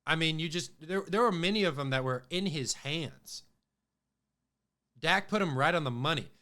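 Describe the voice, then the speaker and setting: This sports podcast host speaks at normal speed in a slightly high, expressive, pushed and bright voice, a little off from a cold. His delivery is loose, with many fillers and restarts.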